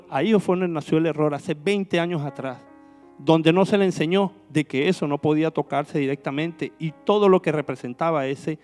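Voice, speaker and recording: A man's voice: on the high side, darkish tone, big-room sound. A man preaching a sermon as minister, asking the congregation rhetorical questions. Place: church hall.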